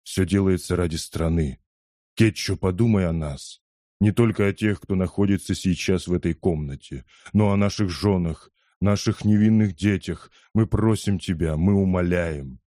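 A man voicing a persuasive conspirator in an audiobook, steady and insistent as he urges. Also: low voice, normal speed, no echo, clean studio sound, lightly acted. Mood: pleading. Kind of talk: audiobook character voice.

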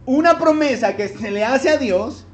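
A man's voice: very high-pitched, lively intonation, unhurried, lo-fi sound. A man with a Colombian accent preaching a sermon as a pastor, often checking in with his listeners with short questions. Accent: Colombian Spanish. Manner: asks the congregation frequent check-in questions.

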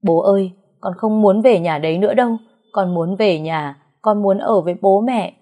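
A woman's voice: medium pitch, moderate pace, warm tone, natural voice. A woman voicing a heartbroken young wife who pleads tearfully and insistently. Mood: sobbing.

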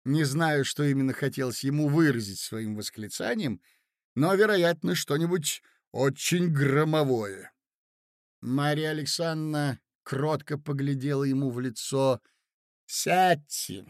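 A man reading classic literature aloud as an audiobook, in steady, even narration. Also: medium pitch, measured pace, dry recording, clean studio sound.

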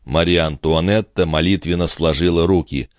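Deep-voiced male audiobook narrator. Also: moderate pace, no room sound, clean studio sound. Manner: calm, even storytelling.

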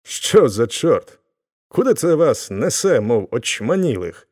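A man's voice: mid-range voice, very animated, slow pace, a little mellow. A man voicing a bewildered middle-aged village Cossack who exclaims and grumbles in a raised voice. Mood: flustered. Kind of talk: audiobook character voice.

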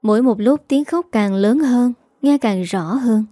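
A woman narrating a romance story in a calm, steady reading voice. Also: fairly high pitch, a little slow, no room sound, clean studio sound. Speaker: story reader.

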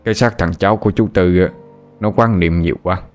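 A man voicing a calm, wise old grandfather who draws protective charms. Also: low voice, a little fast, soft background music, lightly acted. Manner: calm, reassuring.

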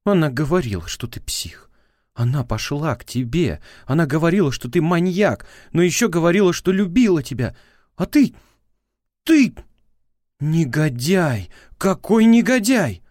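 A man's voice: fairly high pitch, measured pace, hardly any pauses, a little mellow, no room sound, studio quality, voice pushed up. A man voicing a furious, hysterical young woman who shrieks accusations and verges on tears.

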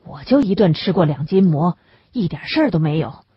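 A woman's voice: lowish voice, expressive, brisk, breathy edge. A woman voicing a worried male camp team leader who coaxes and reassures a sick friend. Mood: reassuring. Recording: dull lo-fi recording.

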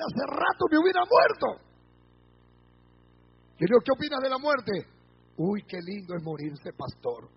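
A man's voice: very high-pitched, husky. A man preaching as pastor, retelling a believer's words to his congregation. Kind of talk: sermon. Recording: muffled lo-fi church recording.

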